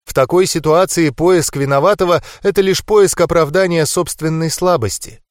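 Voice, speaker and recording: A composed young goddess speaks in a calm, measured, softly serious voice, as a male audiobook reader lifts his pitch to play her. Her lines sit noticeably higher than his own plain narration. The dry recording has no room sound around it. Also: dry recording, natural voice. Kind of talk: audiobook character reading.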